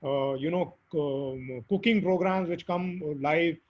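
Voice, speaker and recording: A man with a hoarse, squeaky voice from recent illness, answering interview questions earnestly and emphatically. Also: a little slow. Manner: earnest, emphatic advice with fillers. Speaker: guest speaker. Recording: dull lo-fi audio.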